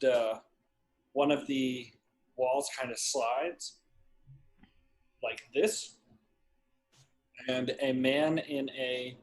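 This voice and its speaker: A man running a tabletop game as game master, describing scenes in a measured way that slows down for detail. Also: medium pitch.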